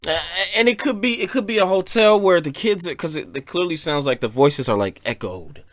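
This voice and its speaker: A man casually reacting to horror clips, sarcastic and profane, with a lively, animated delivery. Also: a little high, brisk, no echo. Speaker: reaction video host.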